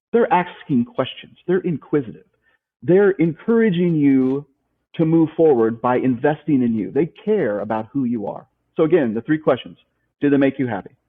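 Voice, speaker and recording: This man, heard on a tinny phone-style connection, has a mid-range voice. As a life coach being interviewed, he's emphatic and motivational, hammering his main points again and again and throwing out rhetorical questions.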